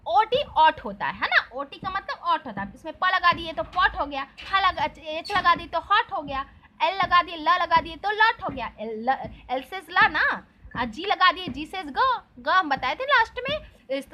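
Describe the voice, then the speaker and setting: A woman's voice: extremely high pitch, bright, forceful tone, slight background noise. A woman teaching an English lesson in Hindi, spelling out each word letter by letter and asking her students questions that she then answers herself. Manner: spells words out letter by letter, slow and patient.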